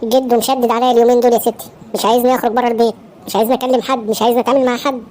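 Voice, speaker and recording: A woman voicing a gentle young man worried for his family in an Egyptian cartoon, speaking softly with an Egyptian Arabic accent. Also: a little high, little pitch movement, rapid-fire, close to an everyday voice. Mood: anxious. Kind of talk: Egyptian cartoon dub acting.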